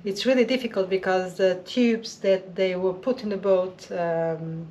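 A woman's voice: medium pitch, steady tone, measured pace, mellow, slight background noise. A woman in her fifties gives a casual, earnest update on her wiring work, recorded close inside a boat cabin. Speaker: boat-building vlogger. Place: indoors in a barge cabin.

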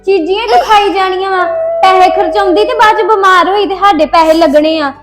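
A woman playing a shrill, quarrelsome young sister-in-law. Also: a little fast, loud music behind the voice. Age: young adult. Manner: quarrelsome, retorts sharply. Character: sharp-tongued, spoiled unmarried sister-in-law. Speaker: unmarried daughter of the house. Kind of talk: family web drama acting.

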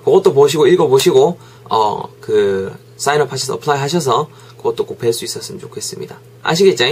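Husky-voiced man with a Gyeongsang accent. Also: medium pitch, lively intonation, quick pace, darkish tone. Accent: Gyeongsang Korean. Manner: jokey, chatty, drills pronunciation by repeating words. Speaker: English teacher. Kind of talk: casual lecture. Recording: podcast lecture audio.

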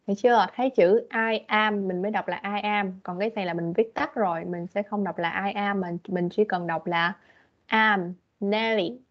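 A woman teaching English to a young child online, patient and coaxing as she explains things slowly. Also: mid-range voice, fairly even intonation. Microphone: video call. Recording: dull lo-fi video call audio.

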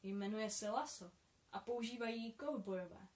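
A friendly young man with a worldly, teasing air, read by a woman in her own voice. He speaks calmly and kindly to two boys, in a storybook read aloud. The voice stays at an everyday middle pitch. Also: echoey room, natural voice.

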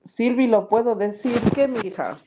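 Against a noisy background, a woman with a slightly high voice speaks a little slowly while hosting a podcast live stream. She's chatty, laughs frequently and greets viewers by name as she reads comments.

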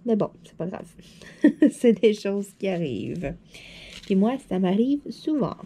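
A woman with a Quebec French accent, chatting casually while crafting, a bit hoarse from a dry throat, rambling and laughing often. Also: medium pitch, big pitch swings, unhurried, mellow. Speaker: diamond painting vlogger.

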